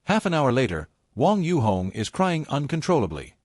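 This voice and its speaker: Male narrator for a story recap, steady storytelling read, animated intonation. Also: mid-range voice, normal speed, no room sound, studio quality.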